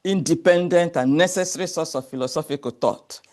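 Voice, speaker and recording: A man presents at an academic conference in a measured, explanatory way. His voice sits a little high for a man, and he keeps things orderly, slide by slide. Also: a little mellow. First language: Igbo. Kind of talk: academic presentation with folk tale.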